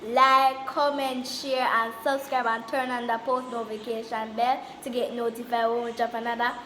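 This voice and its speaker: Jamaican woman, very high voice, upbeat patois chat, echoey room. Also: level tone, moderate pace, fairly bright tone, a little hiss or hum. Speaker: YouTuber co-host. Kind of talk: casual mukbang chat.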